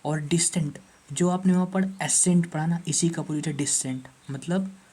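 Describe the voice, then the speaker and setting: Male teacher, mellow husky voice, exam-prep lecture, repetitive, rhetorical questions. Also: a little high, fairly even intonation, moderate pace. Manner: repeats words and asks the class rhetorical questions. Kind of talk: online classroom lecture.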